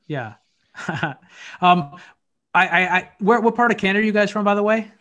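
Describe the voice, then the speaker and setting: Brief: a somewhat higher-voiced American man, searching and reflective, video call interview. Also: normal speed, bright, forceful tone. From United States. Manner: thoughtful, searching, frequent restarts. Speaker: podcast host appearing as guest. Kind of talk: casual interview conversation.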